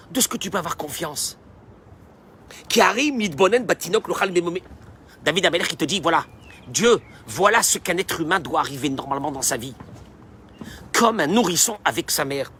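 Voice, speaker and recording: A man giving a sermon as a rabbi, animated and emphatic and speaking straight to his listeners. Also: fairly high pitch, normal speed, long pauses, a little hiss or hum.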